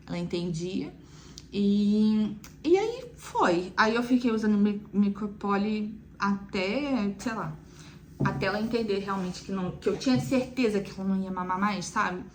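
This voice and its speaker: A woman's voice: medium pitch, moderate pace, slight background noise. Chatty mother, casual vlog. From Brazil. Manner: chatty, frequent "né" asides. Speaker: mother telling her weaning story. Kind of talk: casual chat to viewers.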